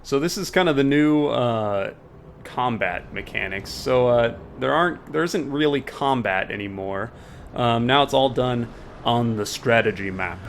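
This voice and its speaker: A man's voice: medium pitch, expressive, unhurried, creaky, a little hiss or hum. A man giving casual, filler-heavy commentary while playing a city-building game. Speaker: let's play host. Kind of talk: gameplay commentary.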